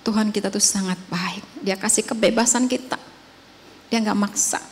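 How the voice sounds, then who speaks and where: A woman preacher giving a conversational sermon, moving between emphatic and hushed delivery. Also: mid-range voice, steady tone, moderate pace, a little hiss or hum. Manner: conversational testimony, shifting between loud emphatic and soft hushed.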